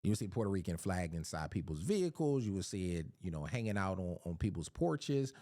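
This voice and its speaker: A man's voice: sits low, very animated, brisk, mellow, no room sound, clean studio sound. A man from Philadelphia giving a casual Bible teaching, often repeating words as he searches for his phrasing.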